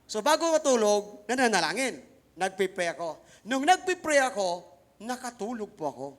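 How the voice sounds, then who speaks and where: A man preaching a Sunday sermon, telling his own testimony to the congregation, swinging between quiet asides and loud emphatic lines. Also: high voice, big pitch swings, normal speed. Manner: addresses congregation directly, mixing in English phrases.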